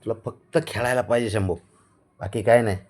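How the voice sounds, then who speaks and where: A man's voice: fairly low pitch, steady tone, brisk, darkish tone. A man at home filming his pet cat on a phone, coaxing it playfully with short repeated commands and frequent laughter. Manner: laughs often while talking. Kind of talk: casual talk to a pet. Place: indoors at home.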